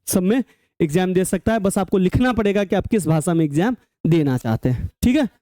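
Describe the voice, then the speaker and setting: High-pitched male teacher, lively questions. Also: a little fast, no room sound, clean studio sound. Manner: keeps checking students follow with rising questions. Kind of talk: classroom lecture.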